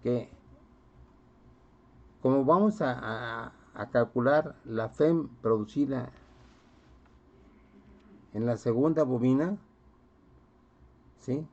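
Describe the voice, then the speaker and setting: A man's voice: medium pitch, slow pace, long pauses, darkish tone. A man lecturing on physics to a class, often checking in with students and quizzing them. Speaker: physics teacher. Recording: dull lo-fi recording.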